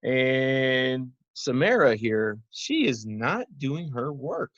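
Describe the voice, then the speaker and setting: Male primary teacher, mid-pitched, simple instructive delivery with check-in questions, dry but slightly dull recording. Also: very animated, takes it slowly, fairly bright tone, no room sound. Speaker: teacher of young children. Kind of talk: simple interactive children's lesson.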